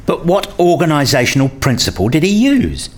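A man performs scripted questioning dialogue as a skeptical, curious interviewer in a radio play. Speaking at normal speed with a fairly high, very animated voice, he sounds articulate, inquisitive and probing.

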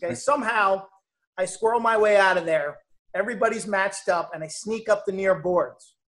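An American man, a former player, telling a self-mocking sports story with animated energy. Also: sits high, moderate pace, crowd noise. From United States. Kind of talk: storytelling on a podcast.

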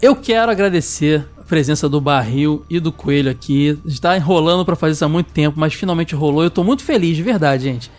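A man's voice: fairly high pitch, animated, fast talker, few pauses, a little mellow. A Brazilian man hosting a podcast in casual, chatty speech. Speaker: podcast host.

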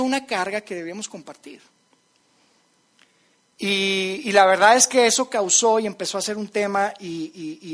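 A man's voice: high voice, fairly bright tone. Earnest man preaching a sermon. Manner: earnest storytelling, addresses audience directly.

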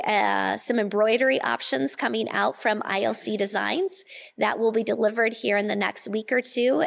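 A woman's voice: mid-range voice, gravelly. A woman giving an informal spoken presentation as a school official at a meeting.

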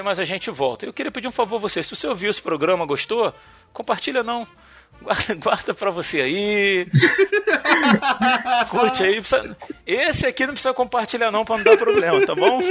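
A Brazilian man hosting a podcast, telling a story in a casual, animated way and acting out the people in it. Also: high voice. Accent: Brazilian Portuguese. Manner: animated, acts out characters in anecdotes. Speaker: podcast host.

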